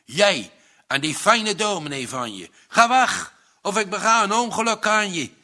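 A man voicing a furious, red-faced old farmer who shouts in rage, in a read-aloud story. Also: high-pitched, lively intonation, unhurried, voice pushed up, full character voice. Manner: shouting, raging.

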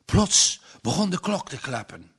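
A man reading a story aloud in an unhurried, even manner. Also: high-pitched, vocal fry, breathy edge. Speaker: narrator. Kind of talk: audiobook narration.

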